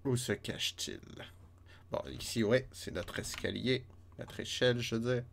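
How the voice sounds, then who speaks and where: Slow-talking Québécois man streaming a game. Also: mid-range voice, vocal fry, a little hiss or hum. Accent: Québécois French. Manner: counts steps under his breath, chats with viewers. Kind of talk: live let's play chat.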